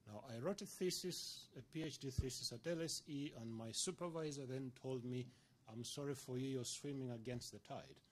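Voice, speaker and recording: A man's voice: medium pitch, normal speed. Earnest Ugandan-born man arguing his point. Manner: earnest, argumentative, clears throat often. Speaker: report author. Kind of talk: panel discussion answer. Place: large conference room.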